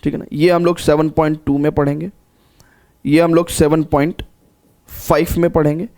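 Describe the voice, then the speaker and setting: Math teacher, male, high pitch, coaxing repetitive lecture style. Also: darkish tone. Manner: coaxing, repeats phrases with frequent check-ins. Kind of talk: classroom lecture.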